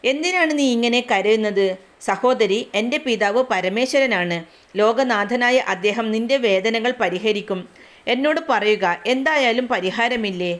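A woman reading the part of a gentle young divine princess, who speaks in a polite, humble way. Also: on the high side, measured pace, close to an everyday voice. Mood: kind.

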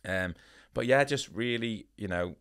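A tattooist from North Wales appears as a podcast guest in a studio, chatting upbeat and rambling in a casual interview, dropping plenty of "you know" and "yeah." A studio boom mic captures his lowish, fairly bright voice at a measured pace.

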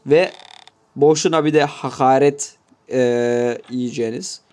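A man's voice: mid-range voice, fairly even intonation, measured pace, darkish tone, clear, resonant tone. A man giving casual gameplay commentary, swearing constantly and grumbling to his viewers in mock-offended asides. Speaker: gameplay YouTuber.

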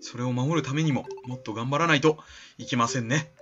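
A man voicing a calm, polite and mysterious adult male team leader in a game, in soft, composed tones. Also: medium pitch, brisk, faint music behind, natural voice. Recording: slightly dull lo-fi recording.

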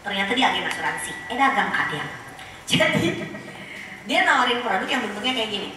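A woman from Indonesia giving a lively, slangy, jokey talk on personal finance to an audience. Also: brisk. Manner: chatty, slangy, jokey, mimics relatives in shrill voices. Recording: echoey hall, voice from far off, noisy.

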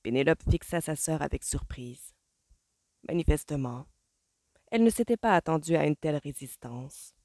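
A woman reading a novel aloud as an audiobook, with measured storytelling. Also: sits low, animated, darkish tone, no echo, clean studio sound. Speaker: audiobook reader. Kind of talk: novel narration.

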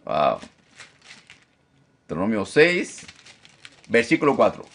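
A man preaching a Bible lesson, animated, repeating phrases for emphasis and mimicking objectors. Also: on the low side, slow, gravelly. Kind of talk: live-streamed Bible teaching.

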